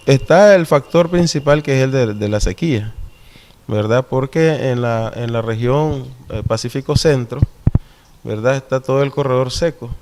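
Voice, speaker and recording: Background noise sits under this interview with a medium-pitched man whose Spanish accent comes from Nicaragua's Caribbean coast. He explains carefully and often seeks agreement through brief tag questions.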